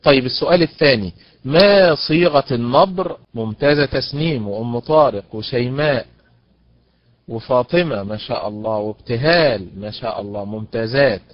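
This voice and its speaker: A man gives an online lesson on recitation, slowing right down to stretch out each example word. His voice sits at an ordinary middle pitch. The audio is dry and somewhat dull, like a lo-fi webinar stream. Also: no echo. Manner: explains patiently, drawing out example words slowly; praises students by name as they answer. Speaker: Quran recitation teacher. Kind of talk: online lecture on Quranic stress rules.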